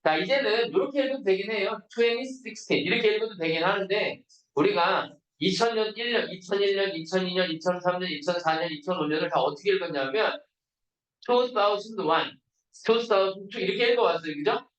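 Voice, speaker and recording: A man teaching an English grammar class, constantly checking in with students and reading example sentences slowly. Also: high voice, fairly bright tone, dull audio. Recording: roomy, distant classroom recording.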